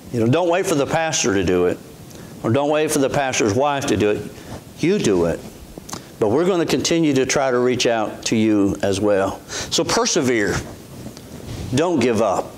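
A man's voice: medium pitch, a little hiss or hum. Earnest man preaching a sermon. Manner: earnest, conversational preaching with restarts. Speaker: pastor. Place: church sanctuary, indoors. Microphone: lapel mic.

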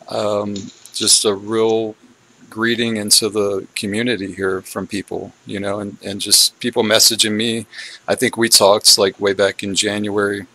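A man's voice: lowish voice, sharp tone, no room sound, rough recording. A man hosting a casual interview, talking in a loose, chatty way with some hesitation. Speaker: podcast host.

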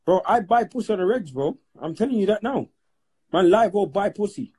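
A man's voice: sits high, expressive, a little fast, a little mellow, slightly rough. A man with a London accent, bragging and joking in slangy banter on a phone live stream.

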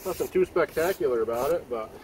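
A man in his thirties hosting a woodworking channel, talking casually outdoors in a sawmill yard, relaxed and rambling, restarting words as he goes. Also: on the high side, quick pace, slight background noise. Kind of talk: casual outdoor workshop commentary.

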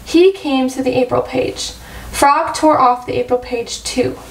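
A woman teacher reading a picture book aloud to first graders. Her voice is high and her pace slow, clear and gentle. She sounds set back from the mic in a room with a roomy echo. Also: distant mic, a little hiss or hum. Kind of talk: storybook read-aloud for children.

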